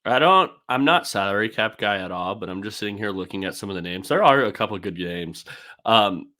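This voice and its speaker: A man's voice: fairly low pitch, lively intonation, fairly quick, bright, forceful tone. A man co-hosting a sports podcast, talking enthusiastically and poking fun at himself. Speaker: podcast co-host. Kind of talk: casual sports talk.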